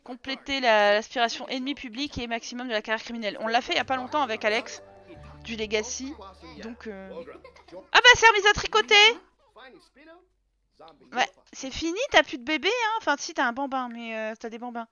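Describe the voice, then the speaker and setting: Bright-voiced woman chatting over a life-sim game. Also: fairly high pitch, quick pace, highs cut off. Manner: chatty, exclaims and scolds her game characters. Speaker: streamer. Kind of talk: casual let's-play commentary.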